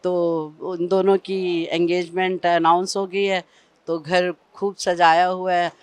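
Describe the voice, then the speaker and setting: A woman giving an on-set interview about a serial's storyline, speaking haltingly with many fillers. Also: on the low side, level tone, clean tone, no room sound. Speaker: actress in the serial.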